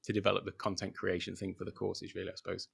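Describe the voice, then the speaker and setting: Calling in by video from his home in Thailand, a British man from the UK chats loosely and unscripted as a guest on a casual livestream interview, using lots of filler words. His deep voice is completely flat, quick and slightly rough with vocal fry, on a dry recording.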